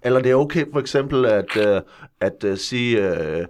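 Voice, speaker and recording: A man in his thirties playing an earnest male workshop leader who preaches crude national pride, hesitant and full of fillers, for a deadpan comedy interview. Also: mid-range voice, natural voice. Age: 30s. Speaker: guest.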